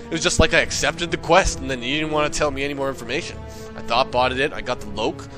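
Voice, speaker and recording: A man telling a comedic rant story, excitable, profane and boastful. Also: mid-range voice, quick pace, music in the background.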